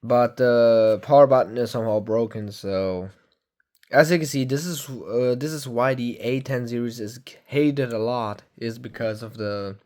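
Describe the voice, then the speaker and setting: Young male vlogger, late teens, mid-pitched voice, halting and rambling delivery full of fillers. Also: darkish tone. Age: young adult. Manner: rambling, halting, many fillers and self-corrections. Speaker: tech vlogger. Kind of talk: casual phone review. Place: at home.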